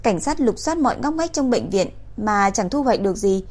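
A woman reading a crime novel aloud in an even, steady storytelling voice. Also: mid-range voice, normal speed. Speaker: narrator. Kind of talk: audiobook narration.

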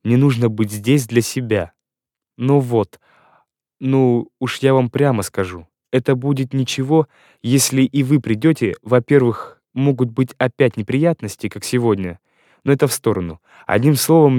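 A man voicing a shy, earnest young woman in an audiobook, speaking in a gentle, measured way. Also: medium pitch, no room sound, studio quality, close to an everyday voice. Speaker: audiobook reader. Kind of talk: audiobook character reading.

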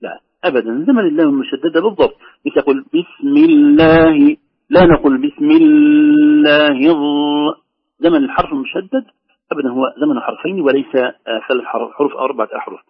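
A man teaching Quran recitation, briskly explaining pronunciation and sounding out the words he corrects. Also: mid-range voice, very animated, slightly rough. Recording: muffled radio broadcast sound.

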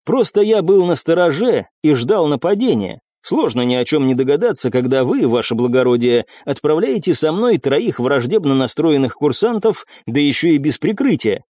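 A man's voice: on the high side, big pitch swings, normal speed, hardly any pauses, mellow, no echo, studio quality. A male reader voicing a cocky young hero who talks in a cool, mocking tone. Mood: sardonic.

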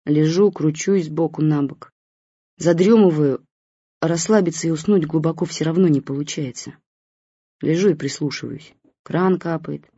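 Woman reading an audiobook, weary and dry, mellow husky voice, dull lo-fi sound. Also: low-pitched, no room sound. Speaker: audiobook reader. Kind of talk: first-person audiobook narration. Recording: dull lo-fi recording.

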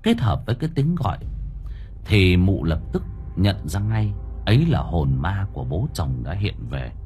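A man's voice: low voice, big pitch swings, moderate pace, dark tone, faint music behind. A man narrating a ghost story as an audiobook, vivid and dramatic.

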